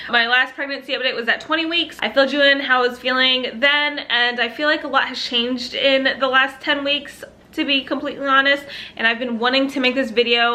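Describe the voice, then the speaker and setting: A woman's voice: fairly high pitch, pushed and bright. A young woman vlogging, talking casually to camera in a chatty, upbeat way with bits of laughter.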